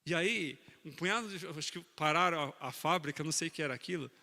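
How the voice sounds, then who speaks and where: A man preaching a sermon on marriage, animated, teasing his congregation and speaking to them directly. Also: fairly high pitch, fast, gravelly, in a large hall.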